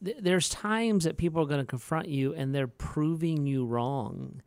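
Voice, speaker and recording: A middle-aged man co-hosting a podcast, chatting casually and telling animated stories with frequent restarts. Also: a little high, moderate pace, clean tone, no room sound. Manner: animated storyteller who acts out quoted voices; frequent restarts and filler words. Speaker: podcast co-host.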